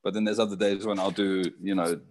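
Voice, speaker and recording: Young guy with a real low voice, chatty interview guest, lots of "you know"s. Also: level tone, quick pace, a little mellow, a little hiss or hum. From Zimbabwe. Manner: rambling, lots of fillers. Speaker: guest, surfer. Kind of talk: casual interview talk.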